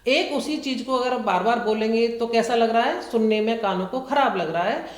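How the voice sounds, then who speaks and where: A woman's voice: a little high, a little fast, reverberant. A woman schoolteacher, patiently explaining grammar to young children and asking them questions. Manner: patient, repeats points and asks the class questions.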